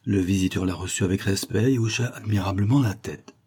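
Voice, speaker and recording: A man narrating a short story in a measured, literary way. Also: deep voice, warm tone, husky. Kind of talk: audiobook reading.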